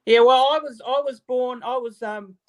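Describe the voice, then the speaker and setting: A YouTube channel host from New Zealand, with a New Zealand accent, runs a casual live-stream interview over a video call, full of fillers and restarts. His voice is extremely high-pitched, with fairly even intonation and a moderate pace.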